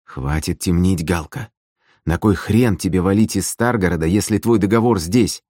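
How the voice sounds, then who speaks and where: A man's voice: deep voice, moderate pace, warm tone, no room sound, clean studio sound. A man voicing a grim, curt mercenary. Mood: stern. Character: gruff, tired mercenary man, cold and stern. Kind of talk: audiobook character voice.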